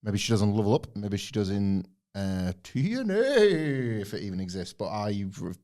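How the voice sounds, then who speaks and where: Bloke, fairly low voice, blunt and grumbly, podcast chat. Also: male voice, level tone, fast, warm tone. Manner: blunt, grumbling critique with laughs. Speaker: podcast co-host. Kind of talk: casual chat.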